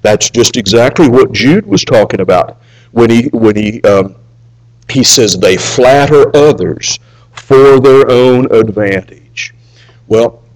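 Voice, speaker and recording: A man with a mid-range voice preaches a sermon, reading scripture aloud and swinging between raised emphasis and hushed asides. The recording is rough.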